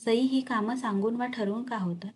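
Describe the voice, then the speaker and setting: A woman reading a novel aloud and voicing a gentle, caring young king who speaks softly and reassuringly to his wife. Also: a little high, fairly even intonation, normal speed, husky. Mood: tender. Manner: soft, reassuring.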